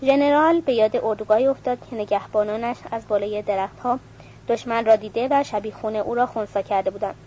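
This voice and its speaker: A woman's voice: fairly high pitch, warm tone, dull audio. A woman reading a novel aloud, voicing the dialogue herself and reading out the page numbers. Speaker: audiobook reader.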